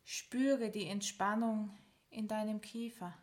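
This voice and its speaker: This is a woman leading a progressive muscle relaxation exercise. She talks at an extremely slow, unhurried pace in a mid-pitched voice. She gives her instructions calmly and step by step, and leaves long gaps as she counts down. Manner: calm, instructive, counts down slowly with pauses. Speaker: relaxation guide.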